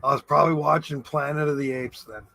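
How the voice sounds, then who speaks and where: A man's voice: on the high side, fairly even intonation, fast talker, gravelly, bright, forceful tone, no room sound. A middle-aged man chatting casually as a livestream host, with a laid-back, rambling stoner way of talking. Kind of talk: casual chat with livestream viewers.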